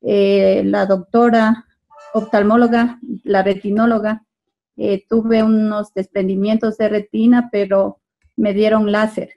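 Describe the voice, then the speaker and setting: A woman with an Ecuadorian accent, an optometrist asking a question in a webinar, speaking hesitantly with frequent "eh" pauses. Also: medium pitch, flat delivery, dark tone, muffled recording. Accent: Ecuadorian Spanish.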